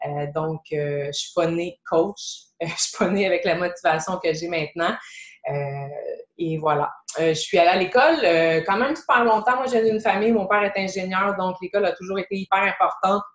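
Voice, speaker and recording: A chatty woman in her thirties with a Québécois accent speaks on a live video call as a fitness coach, her voice a touch low. She rambles casually with plenty of "euh"s and restarts. The sound is roomy and a little dull, like a lo-fi webcam mic. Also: brisk. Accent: Québécois French.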